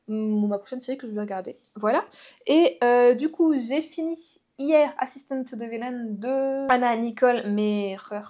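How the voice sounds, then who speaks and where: A woman vlogger talks casually to her viewers in a slightly high voice. Her tone is soft and mellow, and her talk rambles with plenty of fillers and restarts. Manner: chatty, addresses viewers directly. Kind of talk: casual chat vlog.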